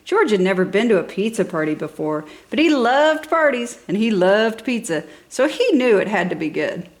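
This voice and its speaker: A woman with a medium-pitched, sing-song voice reads a children's storybook at a normal speed for a toddler channel. Her scripted narration is expressive, with enthusiastic, exaggerated emphasis meant for young listeners.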